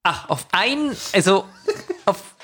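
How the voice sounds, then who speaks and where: High, lively man teasing his co-host. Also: unhurried, slight background noise. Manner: teasing, bantering, laughing. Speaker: podcast co-host. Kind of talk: casual chat reviewing a radio play.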